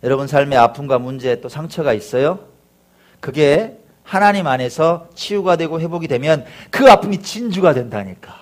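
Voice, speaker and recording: A man speaking at normal pace with a fairly high pitch preaches as a pastor, animating a story by voicing its characters and mimicking crowd cheers and crashes. Throughout, he prompts the congregation to respond.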